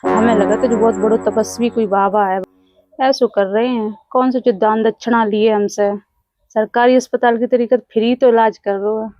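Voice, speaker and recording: A woman's voice: a little high, steady tone, moderate pace, darkish tone, no room sound, dull audio, faint music behind, close to an everyday voice. A woman playing a blunt, sceptical village housewife in a comedy sketch, speaking rural north Indian Hindi dialect. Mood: suspicious, scornful. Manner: blunt, questioning.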